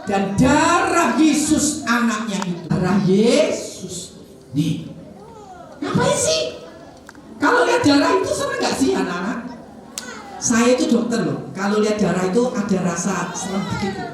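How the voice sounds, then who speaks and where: Animated woman telling a Bible story to children. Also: a little high, a little slow, a crowd in the background. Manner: lively, asks the children questions, acts out voices. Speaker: Sunday school teacher. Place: large echoing church hall. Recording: echoey hall from far off with music.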